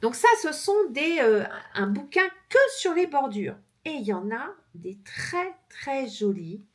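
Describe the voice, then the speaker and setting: A woman's voice: sits high, very animated, measured pace. Chatty woman vlogger with fillers. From France. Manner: chatty, laughs easily, many fillers. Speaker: crochet vlogger. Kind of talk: casual chat showing books.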